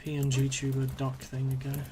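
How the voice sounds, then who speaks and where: A man at a computer in a room at home streams a video game and rambles casually, full of fillers and sentences that trail off. His mid-range voice is monotone and fairly quick, a little strained from talking so long, and his manner is hesitant.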